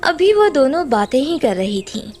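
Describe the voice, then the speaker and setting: Woman, storybook narration, gentle, expressive, faint music. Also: high-pitched, moderate pace.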